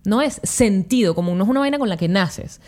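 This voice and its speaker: A woman's voice: medium pitch, expressive, a little fast, darkish tone. A woman with a Venezuelan accent, co-hosting a podcast in casual chat, blunt and slangy, telling stories with animation. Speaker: podcast co-host.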